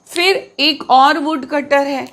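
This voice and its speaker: Woman teacher, high pitch, patient classroom explainer. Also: fairly even intonation, a bit bright. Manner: explains slowly with repetition and questions to pupils. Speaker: English teacher. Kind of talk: classroom lesson explaining grammar.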